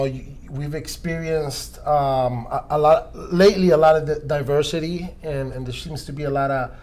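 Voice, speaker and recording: A man's voice: fairly high pitch, darkish tone. A man in his forties from Costa Rica, a DJ being interviewed, talking casually with many restarts and fillers.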